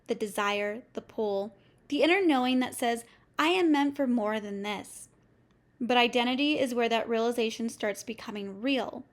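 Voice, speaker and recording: A woman coach delivering a scripted motivational lesson in a measured, steady way, with short listed phrases. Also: fairly high pitch. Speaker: business coach. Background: faint music.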